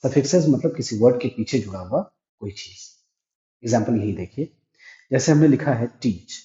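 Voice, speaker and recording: An English grammar teacher, male and medium-pitched, with a dark voice, leads a classroom-style lesson in an echoey room captured with dull lo-fi sound. He explains step by step, posing questions and answering them himself.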